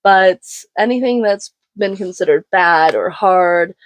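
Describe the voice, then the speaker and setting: A woman's voice: medium pitch, a little slow, muffled recording. A woman co-hosting a podcast, speaking reflectively in casual conversation and laughing easily. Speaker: podcast co-host.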